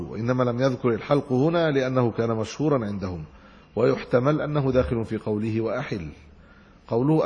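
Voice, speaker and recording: A man's voice: medium pitch, darkish tone, husky, big-room sound. A man with an Egyptian Arabic accent teaching a religious lesson, reading classical commentary aloud and explaining it in colloquial asides. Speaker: Islamic scholar teaching hadith commentary.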